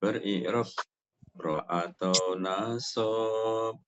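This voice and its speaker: A man reciting grammar rules in an online class, his audio choppy and cutting out as he repeats phrases haltingly. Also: fairly low pitch, fairly even intonation. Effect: choppy, cutting-out call audio. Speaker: student. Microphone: online voice call. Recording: dull, slightly noisy call line.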